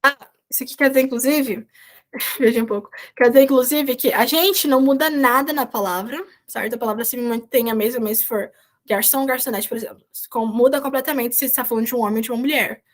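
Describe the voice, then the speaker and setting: A woman with a slightly high voice talks fast as she explains Spanish vocabulary to students in an online class she teaches as a volunteer. She explains patiently and checks in with them often, asking "certo?"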